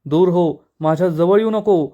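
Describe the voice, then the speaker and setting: A man's voice: high voice, measured pace, dark tone, lo-fi sound. A man voicing a frightened, ruthless woman boss in a retold serial scene, with panicked, repeated cries. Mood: terrified.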